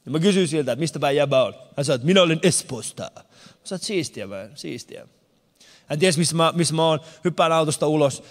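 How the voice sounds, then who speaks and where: A man doing stand-up comedy, telling a story and acting out the other people's lines, who moved to the country in 1991. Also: fairly high pitch. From abroad, moved to Finland in 1991. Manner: storytelling, acts out characters' lines. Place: large concert hall with no audience. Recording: long hall reverb.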